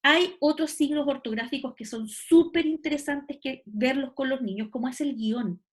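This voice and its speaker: A woman's voice: high-pitched, moderate pace. A woman teacher gives an online class, explaining patiently and often checking that students follow. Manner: explanatory, checks understanding with "¿cierto?" and "¿ya?".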